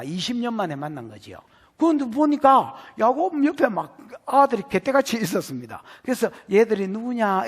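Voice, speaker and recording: A man with a Gyeongsang Korean accent preaching a sermon as pastor, animated and jokey, quizzing his congregation. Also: sits high, long reverb tail. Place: church sanctuary.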